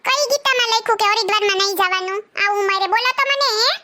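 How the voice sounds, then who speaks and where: A sharp-tongued young wife, played by a woman in a comedy skit, nagging her husband in a very high, bright voice. She complains and mocks in sarcastic jabs, and there is faint noise in the background. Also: fast. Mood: scolding.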